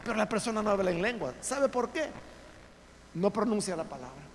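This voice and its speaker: A man's voice: high voice, very animated, fairly quick, slight background noise. A male pastor preaching emphatically in a church, asking rhetorical questions and speaking straight to his listeners. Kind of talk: sermon. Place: church sanctuary. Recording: long church reverb, faint background ambience.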